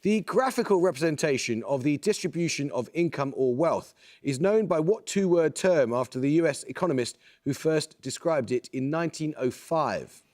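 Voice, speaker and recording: A man hosting a quiz show, reading questions in a crisp, measured, authoritative way. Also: fairly high pitch, expressive, a little mellow.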